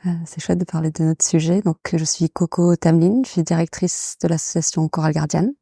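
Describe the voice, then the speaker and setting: Young woman from england raised in france, low flat voice, lots of ums, dry close sound. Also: a little fast, vocal fry, no echo. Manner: hesitant, many fillers. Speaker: guest, association director. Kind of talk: casual interview.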